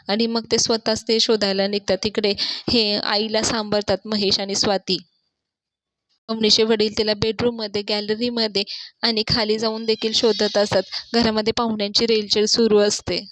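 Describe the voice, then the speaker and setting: A woman's voice: medium pitch, flat delivery, normal speed, fairly bright tone, no room sound. Woman retelling a serial episode, dry close sound. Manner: quotes each character's lines in her own plain voice; hesitant, with fillers and restarts.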